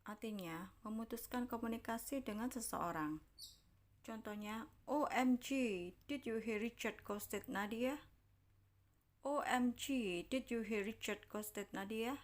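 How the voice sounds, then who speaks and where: Slow, careful woman teaching English slang. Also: on the high side. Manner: reads example sentences slowly and carefully, then translates. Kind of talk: language lesson narration.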